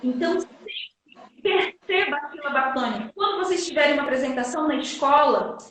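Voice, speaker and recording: A Brazilian woman teacher giving a lively live-stream lesson, emphatic and energetic, acting out her students' questions. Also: high-pitched, fairly quick, a little hiss or hum. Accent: Brazilian Portuguese. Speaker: guest teacher. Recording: echoey room, distant mic.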